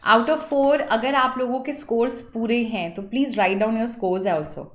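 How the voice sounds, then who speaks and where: In this echoey online exam-prep class, a female English teacher with a slightly high voice speaks at an unhurried pace. Switching between Hindi and English, she asks her students questions, supplies the answers, and lays out English phrases slowly and deliberately.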